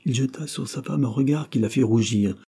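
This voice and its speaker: A man giving measured audiobook narration of a literary novel. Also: mid-range voice, vocal fry, mellow, breathy edge.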